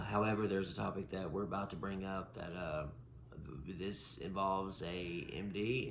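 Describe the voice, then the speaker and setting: A man with a stutter co-hosts a casual podcast, often repeating and breaking off sounds. His voice is lowish, creaky, and a bit bright, recorded with roomy echo and faint noise.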